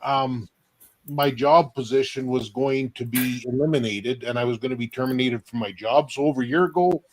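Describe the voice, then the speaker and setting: A man from Canada in his fifties introduces himself on a live online interview. He talks plainly and steadily, with a few fillers. His voice sits at a middle pitch for a man. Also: moderate pace. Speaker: guest.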